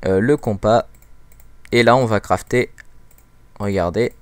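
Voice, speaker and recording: A man giving a casual, hesitant game walkthrough commentary as the host of his own channel, filling pauses with frequent fillers. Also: lowish voice, clear, resonant tone, no echo. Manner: hesitant, full of "euh" fillers; chatty and informal. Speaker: gaming video host.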